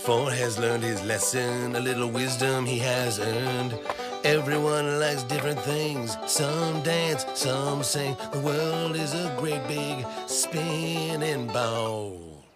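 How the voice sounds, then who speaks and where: A voice actor playing a playful, imaginative young monster boy who speaks earnestly and gently. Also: medium pitch, slow, lightly acted. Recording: cartoon with loud music behind.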